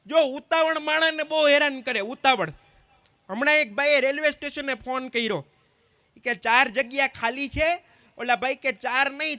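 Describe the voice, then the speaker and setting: A man with a very high, bright, sharp voice tells stand-up jokes. He rattles through each anecdote and acts out both sides of every exchange. The sound is dry and close. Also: no echo. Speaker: stand-up comedian at a community gathering. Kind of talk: live stand-up joke telling.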